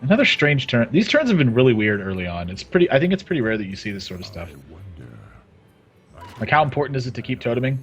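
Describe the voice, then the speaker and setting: A man commentating a live card game match, upbeat and quick on the play-by-play. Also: medium pitch, sing-song, muffled recording, faint music behind. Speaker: esports commentator.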